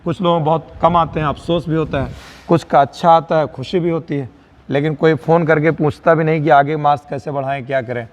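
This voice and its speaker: Male physics teacher, slightly higher voice, slow word-by-word dictation, reverberant room. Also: steady tone, lo-fi sound. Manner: dictates slowly word by word, motivational asides. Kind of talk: online lecture.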